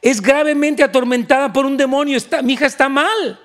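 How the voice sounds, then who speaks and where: A man's voice: extremely high pitch, a little fast, fairly bright tone, voice pushed up. A man voicing a desperate mother who begs for help for her sick daughter. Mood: pleading. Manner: pleading, raised voice.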